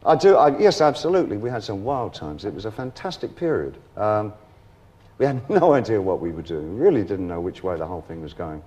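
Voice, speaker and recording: Middle-aged man, lively anecdotal talk show guest. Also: fairly low pitch, fairly quick. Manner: animated storyteller who acts out other people's voices and laughs often. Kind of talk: casual anecdotal interview chat.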